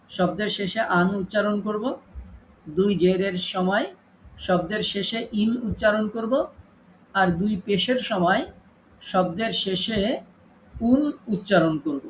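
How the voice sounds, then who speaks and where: A man with a high voice teaches an online class on Quran recitation. He explains step by step and patiently repeats the main rules. There is a faint hiss of noise under his voice. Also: steady tone, unhurried, pauses often, rough recording. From Bangladesh.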